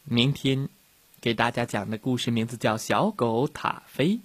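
Slow husky man telling kids a story. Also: mid-range voice, no room sound. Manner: slow, gentle, deliberate storytelling to children. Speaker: children's storyteller. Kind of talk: children's storybook narration.

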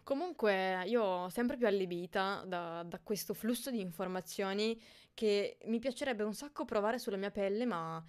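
Female co-host, twenties. Crisp, resonant voice, slangy and teasing chat delivery. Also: mid-range voice, normal speed, darkish tone. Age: 20s. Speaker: podcast co-host. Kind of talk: casual group chat.

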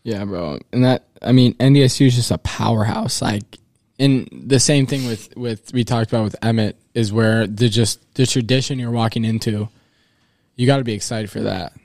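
A man's voice: medium pitch, moderate pace, darkish tone, dry recording, clean studio sound. A young American man hosting a casual sports podcast, talking in hyped, chummy frat-bro slang. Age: young adult. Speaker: podcast host.

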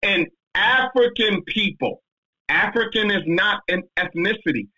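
A man in a casual discussion, talking in an emphatic, slangy, animated way as he answers a question. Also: high voice, a little slow, slightly rough, low-quality recording.

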